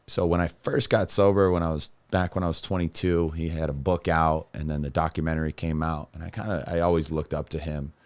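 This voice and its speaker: Man, young adult, very deep voice, halting candid storytelling, dry recording. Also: creaky, no room sound. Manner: rambling, halting, with many restarts and fillers. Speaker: podcast guest.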